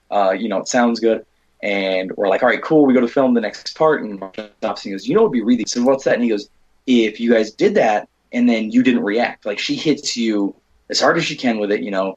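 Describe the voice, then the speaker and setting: An American man with a mid-range, brisk voice and a breathy edge, recorded with muffled sound. He's a guest on an interview, an indie horror filmmaker and stunt performer, rambling through animated anecdotes and casually quoting the people in his stories.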